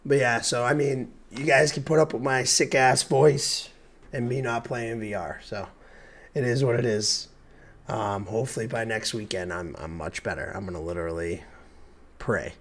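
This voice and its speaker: A man with a hoarse, cracking voice from the flu, chatting casually and joking on a game stream. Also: mid-range voice, fairly even intonation, normal speed, fairly bright tone, a little hiss or hum. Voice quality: voice cracks and breaks. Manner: joking, swears freely. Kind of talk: casual live-stream chat.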